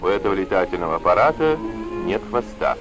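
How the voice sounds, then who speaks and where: A man's voice: deep voice, sing-song, fast talker. A man narrating an old Soviet newsreel in a formal, declamatory announcer delivery. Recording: muffled vintage newsreel soundtrack with music.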